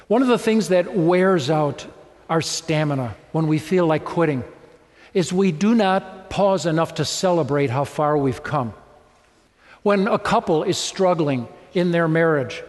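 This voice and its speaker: A man's voice: a little high, animated, measured pace. Man preaching a playful sermon in a reverberant hall. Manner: conversational, playful, rhetorical questions. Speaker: pastor.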